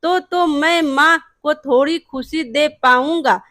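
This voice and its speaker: Woman playing a naive honest village guy, high slow storybook voice, hopeful. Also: sharp tone, no room sound, clean studio sound, heavily acted. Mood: earnest. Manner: earnest, hopeful, innocent. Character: simple honest poor young village man.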